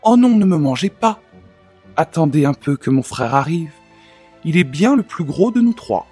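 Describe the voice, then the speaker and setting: A man's voice: fairly high pitch, sing-song, normal speed, darkish tone, slightly rough, soft background music. A man voicing the second billy goat, pleading not to be eaten.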